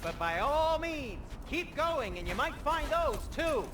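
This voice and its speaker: A man's voice: very high-pitched, big pitch swings, unhurried, full character voice. A man voicing an anxious, cautious companion in a fantasy video game, calling up from downstairs in a raised voice. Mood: skeptical, needling. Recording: noisy game ambience.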